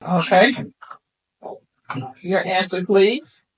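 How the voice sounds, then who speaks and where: A woman with a Detroit accent hosting a dating show, asking quick casual questions and laughing often. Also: on the low side, breathy edge. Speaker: game show host.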